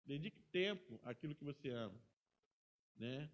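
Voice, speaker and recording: A middle-aged man, a pastor teaching a Bible school class in a chatty way, often ending sentences with a quick tag question. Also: medium pitch, expressive, highs cut off.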